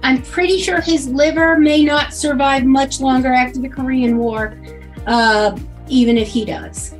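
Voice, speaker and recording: High-voiced woman in casual podcast chat. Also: fairly even intonation, unhurried, soft background music. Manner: chatty, reads from notes with many fillers. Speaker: podcast co-host.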